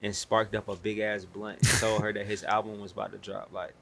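Young American male, lowish gravelly voice, profane and emphatic street-slang conversation. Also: little pitch movement, brisk, a bit bright, slight background noise. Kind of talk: casual chat.

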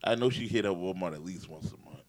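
A man's voice: low voice, quick pace, darkish tone. A man co-hosting a casual group chat, laid-back and joking. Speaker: podcast co-host.

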